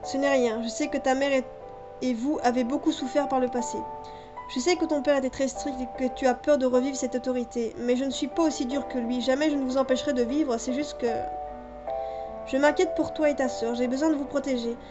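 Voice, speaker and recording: A woman's voice: high voice, steady tone, brisk, natural voice. A woman voicing a protective stepfather who speaks firmly, in a dull lo-fi recording with music behind. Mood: gentle. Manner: firm, protective. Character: protective stepfather, stern then gentle.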